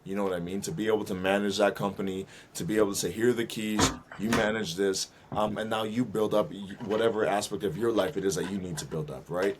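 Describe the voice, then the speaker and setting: A man, a minister and detailing business owner, speaking as a guest in a casual interview, thoughtful and filling pauses with um and uh. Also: lowish voice, fairly even intonation, very noisy. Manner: thoughtful, many fillers and restarts.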